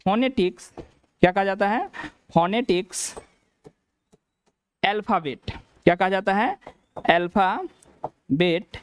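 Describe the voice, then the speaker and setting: A man's voice: high-pitched, moderate pace, clean tone. Hindi-speaking male teacher, question-and-answer drills. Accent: Bihari Hindi. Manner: repeats each point as a question, then answers it. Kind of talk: classroom lesson.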